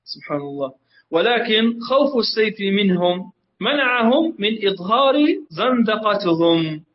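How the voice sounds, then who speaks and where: Man in his own voice reading a text aloud, high-pitched and halting, over dull lo-fi stream audio. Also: expressive. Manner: deliberate, with many hesitations. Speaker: student reading aloud and giving notes.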